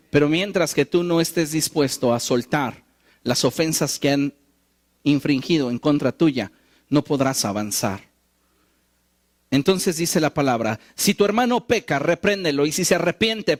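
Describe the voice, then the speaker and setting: A man preaching a sermon, animated and wry, acting out the quoted lines he tells. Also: on the high side, a little slow. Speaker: pastor.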